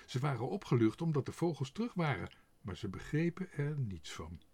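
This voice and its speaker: A man narrating a children's storybook in an expressive, animated way. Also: medium pitch, a little fast, breathy edge. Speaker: audiobook narrator.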